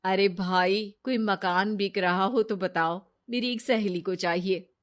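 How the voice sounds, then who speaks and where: A woman's voice: medium pitch, steady tone, measured pace, close to an everyday voice. A woman voicing a scheming young woman who sweet-talks her friend, in a storybook drama.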